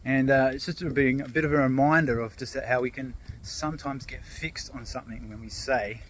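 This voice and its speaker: A man filming a casual storytelling vlog outdoors while walking speaks at a moderate pace in a mid-range voice, with a little hiss or hum in the audio. The motivational vlogger tells a fable and muses about emotions in a laid-back way, using fillers and starting over often.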